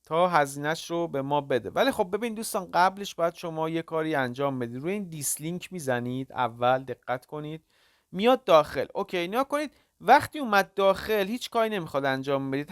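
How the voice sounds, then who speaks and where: A host giving a casual step-by-step screen walkthrough, halting often with filler sounds and addressing viewers as kids and friends. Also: mid-range voice, animated, no room sound, clean studio sound. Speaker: crypto tutorial channel host.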